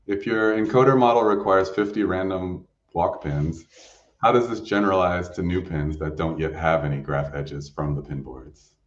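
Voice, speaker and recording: Male Q&A host, deep bass register, reading questions, slightly dull distant recording. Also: moderate pace, roomy sound. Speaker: session host and moderator.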